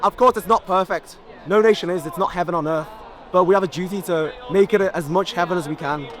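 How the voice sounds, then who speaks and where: Hesitant high-voiced man, earnest. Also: fairly quick, a faint crowd. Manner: hesitant, repeating words. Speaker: rally attendee. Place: outdoor street rally.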